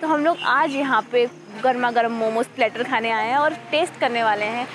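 A woman's voice: fairly high pitch, brisk, slight background noise. A young woman giving an inviting, casual vlog intro on a city street outside a cafe. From India. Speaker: vlog co-host. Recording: voice with loud backing music.

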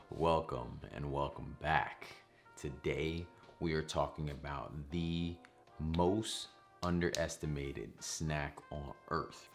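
A man's voice: rumbling low, steady tone, takes it slowly, vocal fry, faint music behind. A man in his thirties hosting a home cooking vlog, talking to camera in a kitchen with playful, jokey asides. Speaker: cooking channel host. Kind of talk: casual talk to camera, then voice-over.

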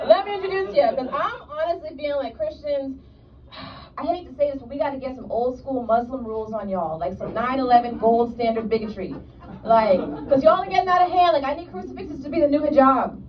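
On a comedy club stage, a woman does a loose, chatty stand-up set full of "like" asides, her high-pitched voice moving fairly quickly. The recording is lo-fi and dull from a distant mic, with crowd noise and loud laughter.

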